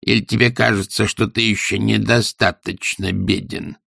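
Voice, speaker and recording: A man's voice: lowish voice, fairly even intonation, moderate pace, gravelly, sharp tone, dry recording, studio quality, full character voice. A man doing a muttering, grumpy old miser. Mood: grumbling. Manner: muttering, growled and half-whispered.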